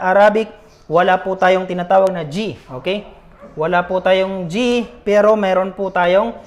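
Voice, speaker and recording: A man teaching a beginner Arabic lesson, patiently repeating each letter sound and checking in with his students. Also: high voice.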